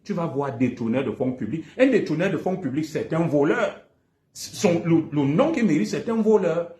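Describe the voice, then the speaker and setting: A man's voice: a little high, lively intonation, normal speed, dark tone, echoey room. A man with a Cameroonian French accent, speaking on a livestream in a heated monologue and hammering the same accusations again and again. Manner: combative, repeats accusations emphatically. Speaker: live streamer.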